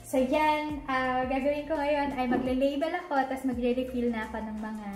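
A woman in her thirties talks in a relaxed, chatty way as she organizes her kitchen at home. Her voice sits a bit high, she mixes English words into her speech, and she pauses often with fillers. Soft music plays faintly behind her, picked up by a camera on the table. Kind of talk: casual home vlog narration. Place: home dining area, indoors.

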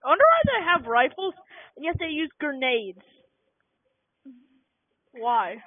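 A young-sounding gaming channel host giving casual, rambling let's-play commentary with many fillers, recorded on a cheap low-quality microphone. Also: wildly swooping pitch, unhurried, dry recording. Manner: rambling, self-conscious, lots of fillers. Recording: tinny lo-fi cheap mic.

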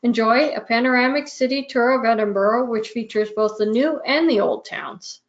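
A fairly high-voiced woman presents travel tours, reading itineraries and prices in steady lists. Her voice is a bit hoarse, as if she's losing it. The recording is muffled and lo-fi. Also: normal speed. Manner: reads through itineraries and prices in a steady listing way. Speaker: travel club tour presenter. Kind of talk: presenting tour details.

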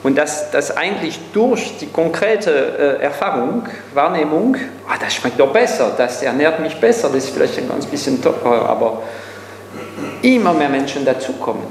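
Older man, echoey hall, animated. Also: a little high, moderate pace. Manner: animated, gesturing widely, thinking aloud with many fillers. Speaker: guest speaker. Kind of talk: panel discussion answer. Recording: echoey hall with faint hum.

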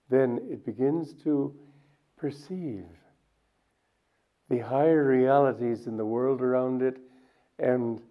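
An older man speaking as a spiritual teacher, unhurried and musing, with frequent "you know"s. His voice sits at an ordinary male pitch. The sound is thin and tinny, narrowed almost to a phone line. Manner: gentle, musing, often says "you know". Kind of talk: reflective spiritual talk to camera. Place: indoor studio set. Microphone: microphone on a stand in front.

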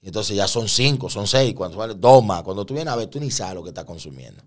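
A man as an interview guest, telling a story in animated conversational style with street slang and English words mixed in, checking often that the listener follows. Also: lowish voice, quick pace.

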